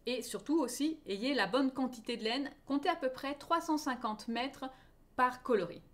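A woman with a fairly high voice teaching a live online knitting class. She is chatty and friendly, and keeps checking in with her viewers as she goes. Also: moderate pace. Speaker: knitting teacher hosting a knit-along.

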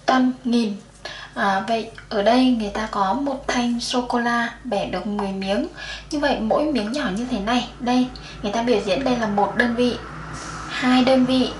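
Patient woman teacher, slightly high voice. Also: reverberant, a little hiss or hum. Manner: patient, counting aloud step by step. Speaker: primary school math teacher. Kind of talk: explaining a lesson to young children.

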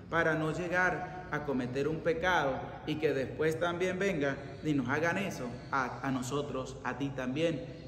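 A middle-aged priest preaching with earnest emphasis, his voice rising on the warnings. It sits a little higher than most men's and rings through a church with long reverb. A faint ambience hangs underneath. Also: fairly bright tone, slight background noise. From Venezuela. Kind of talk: sermon. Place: church chapel by an ornate altar. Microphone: fixed camera at mid distance.

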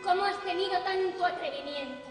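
A coy young noble lady, as a woman plays her answers in a very high, bright voice. She is heard from far off in an echoing theatre, with music and an audience around. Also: brisk. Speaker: stage actor. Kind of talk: classical verse theatre. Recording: echoey theatre stage from far off.

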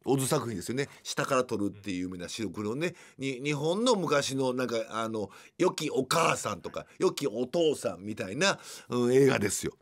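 A man's voice: medium pitch, animated, normal speed, few pauses. Kansai guy in his 50s doing his radio show, chatty, keeps laughing while he talks, studio mic. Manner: chatty storyteller who often laughs mid-sentence. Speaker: radio host. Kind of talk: casual radio monologue.

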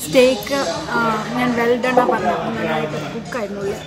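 A woman talking through a face mask in casual food-vlog commentary, unhurried and trailing off with fillers. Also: fairly high pitch, animated. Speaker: food vlogger. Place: busy restaurant. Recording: noisy restaurant with loud music. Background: loud music and crowd chatter.

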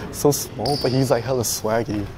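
A man chatting casually in slangy, drawn-out phrases. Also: mid-range voice, steady tone, very noisy. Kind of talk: casual English chat. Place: indoor basketball gym.

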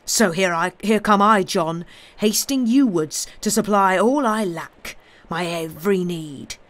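A man's voice: fairly high pitch, fairly even intonation, normal speed, close to an everyday voice. Reader doing Maurice, a vengeful gloating man. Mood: menacing. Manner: menacing, gloating, forceful. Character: vengeful man returned after twenty years.

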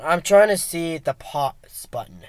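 A young man with a high voice rambles through a comic monologue in a slow, unhurried way. He trips over restarts and swings between sudden shouts and hushed asides. The sound is dry and close. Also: animated, no echo. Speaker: comedy vlogger.

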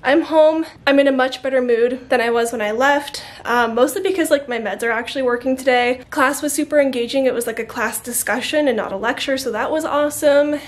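A woman's voice: high voice, steady tone, brisk, few pauses. A young woman from California's Central Valley, a college student talking candidly in a casual vlog, with lots of "like" fillers. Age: young adult. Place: at home.

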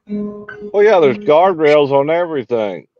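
A man's voice: a little high, sing-song, measured pace, no room sound. A man from St. Louis with an Appalachian-like hillbilly American accent, chatting casually in a folksy, plain-spoken way. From St. Louis, United States. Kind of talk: casual panel chat. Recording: dull lo-fi online call, instrumental music behind. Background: guitar playing.

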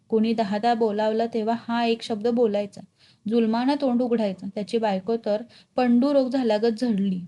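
A woman's voice: on the high side, dark tone. A woman reading a short story aloud, narrating expressively and putting village dialect into the telling.

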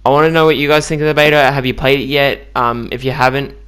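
A man's voice: medium pitch, fairly even intonation, fast talker, a bit bright, clear, resonant tone. A man giving casual, chatty commentary on a video game he just played, with lots of ums and likes. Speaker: gaming YouTuber.

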